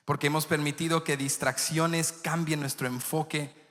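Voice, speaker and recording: Bright-voiced pastor preaching in an echoey church. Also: male voice, fairly high pitch, flat delivery, moderate pace. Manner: impassioned preaching with vivid storytelling. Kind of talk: sermon. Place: church sanctuary.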